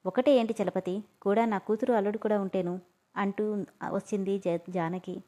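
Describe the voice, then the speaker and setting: A woman's voice: medium pitch, steady tone, moderate pace, warm tone, natural voice. A woman voicing a blunt older man from a village, who talks in a scolding, matter-of-fact way.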